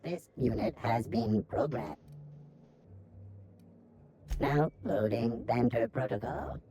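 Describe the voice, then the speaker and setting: Glitching robot booting up. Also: female voice, a bass voice, takes it slowly, a little hiss or hum, exaggerated voice. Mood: mechanical. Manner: flat programmed announcements, repeats itself when glitching. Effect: robot booting up, stuttering. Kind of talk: video game dialogue.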